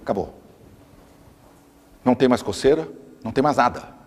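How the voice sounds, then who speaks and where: A man's voice: medium pitch, animated, moderate pace, breathy edge. A man giving an emphatic lecture, often repeating words for stress. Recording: long reverb of a hall.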